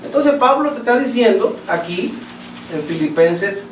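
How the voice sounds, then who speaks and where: A man's voice: high voice, animated, a little slow. A Latin American man preaching a sermon as pastor, emphatic and repetitive, often asking his listeners questions. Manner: emphatic, repeats words and asks the congregation questions. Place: church sanctuary. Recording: echoey church hall, voice from a distance, faint room noise.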